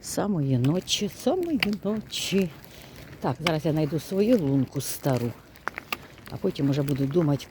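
Woman, casual vlog chatter, outdoors, noisy wind-blown phone audio. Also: deep voice. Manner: chatty, talks to viewers while walking. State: out of breath. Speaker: vlogger. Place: outdoors on a frozen lake.

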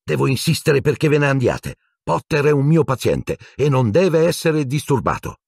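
A man's voice: sits low, big pitch swings, normal speed, breathy edge, no room sound, clean studio sound, exaggerated voice. A man doing a flustered, strict school nurse. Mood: insistent. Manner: insistent, flustered.

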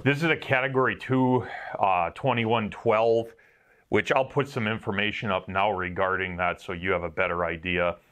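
A welder from Wisconsin, by his accent, gives a loose, self-mocking rundown of his work gear, cursing occasionally. He speaks at a moderate pace in a fairly low, steady, fairly bright voice.

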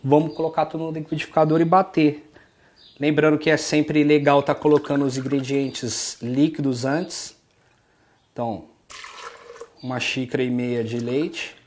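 Relaxed Brazilian host, 30s, chatty kitchen demo on a lapel mic, light background hiss. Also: male voice, on the high side, normal speed. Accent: Brazilian Portuguese, São Paulo interior. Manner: relaxed, chatty, keeps addressing viewers. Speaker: cooking show host. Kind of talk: casual cooking demonstration. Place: home kitchen and outdoor street market.

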